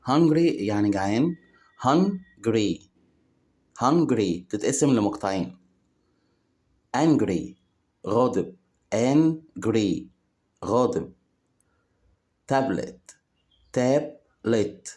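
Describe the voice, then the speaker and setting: A man with an Egyptian Arabic accent teaching English vocabulary, saying each word slowly and repeating it before giving its meaning. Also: mid-range voice, warm tone. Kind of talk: slow, drawn-out lesson with word drills.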